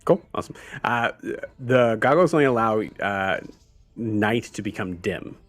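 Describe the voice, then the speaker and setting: Male GM, lowish voice, stumbling casual narration over a call. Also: lively intonation, no echo, soft background music. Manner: halting, many fillers and restarts. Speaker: game master. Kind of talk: narrating a tabletop game.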